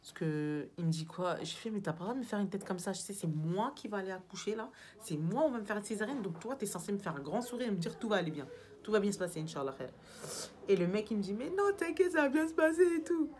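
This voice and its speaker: A young woman telling a story to her viewers in a chatty, animated vlog. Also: medium pitch, fast, a little hiss or hum. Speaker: vlogger.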